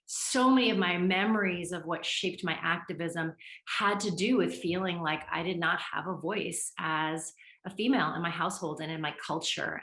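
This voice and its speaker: A woman's voice: lowish voice, fairly bright tone. A woman panelist speaking reflectively at a conference, thinking aloud and correcting herself as she goes. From born in Lebanon, moved as a young child. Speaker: panelist, activist and trauma specialist. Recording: echoey room.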